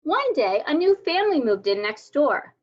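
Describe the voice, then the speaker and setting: A woman reading a children's picture book aloud as a storyteller, with expressive, deliberate delivery. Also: high voice. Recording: dull lo-fi sound.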